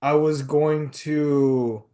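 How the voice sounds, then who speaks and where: A man's voice: a little high, steady tone, extremely slow, dark tone. A man in his thirties co-hosting a casual podcast, talking animatedly and often restarting his sentences. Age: 30s. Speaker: podcast co-host. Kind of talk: casual movie review chat.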